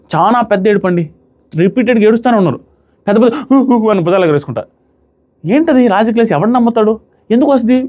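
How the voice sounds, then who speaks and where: With a high-pitched, somewhat dark voice, a man delivers animated commentary on a reality show episode. His take is mocking and indignant, and he acts out the crying he describes.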